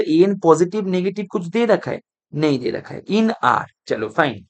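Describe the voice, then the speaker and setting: Coaxing male math teacher, live lecture. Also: sits high. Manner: coaxing, keeps checking in with students.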